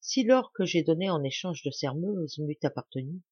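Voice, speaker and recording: A woman reading an audiobook, voicing a proud middle-aged man who shouts in menacing fury. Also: deep voice, animated, moderate pace, slightly rough, no echo, highs cut off. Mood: grave.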